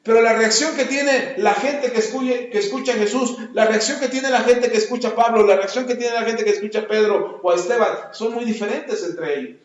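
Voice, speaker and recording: A man preaching a sermon as a pastor, swinging from loud emphasis down to soft, low lines. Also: fairly quick, few pauses. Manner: emphatic preaching, rising loud on key words then dropping low and soft. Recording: echoey, dull lo-fi sound.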